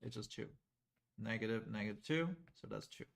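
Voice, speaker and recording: A middle-aged man from Taiwan teaching a math class in a classroom, lively and asking the class questions. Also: on the low side, a little fast, creaky. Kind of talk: classroom lecture at a whiteboard.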